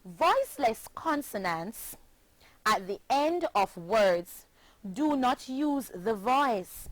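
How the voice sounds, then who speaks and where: Slow, careful Jamaican woman teacher. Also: on the high side, no room sound, rough recording. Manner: careful, over-articulated, encouraging. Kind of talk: slow, clearly paced phonics lesson.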